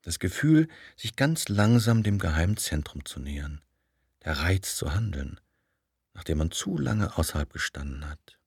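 A man narrates an audiobook in a measured, steady storytelling voice. His voice is deep and husky. The recording is dry and close, with no room around it. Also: no echo. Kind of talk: scripted narration.

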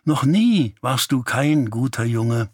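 A man voicing a tired mother who works in a mine, soft and caring with a little sternness, in dry audiobook narration. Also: mid-range voice, expressive, slow pace, dry recording. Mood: tender. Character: weary, gentle mother working in a mine.

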